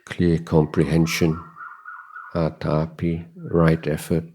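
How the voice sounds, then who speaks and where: A man giving a guided meditation talk as a Buddhist teacher, contemplative and measured, pausing often between short phrases. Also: extremely low pitch, monotone, warm tone, slight background noise.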